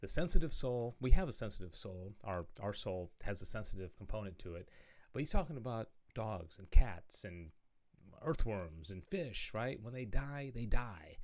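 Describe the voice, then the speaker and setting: A man's voice: fairly low pitch, lively intonation, moderate pace. A man giving a conversational video lecture on theology, often checking in with "okay?" and "right?" as he explains passages he reads aloud. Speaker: religious studies teacher.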